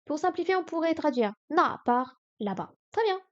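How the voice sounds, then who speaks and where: A woman streaming herself studying Chinese, sounding out words slowly and correcting herself aloud. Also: sits high, lively intonation, dull audio. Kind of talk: live-stream study session.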